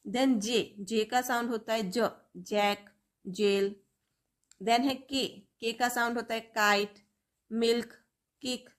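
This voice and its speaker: Woman, English phonics lesson, slow word-by-word drilling, slightly high voice. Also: steady tone. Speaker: English teacher.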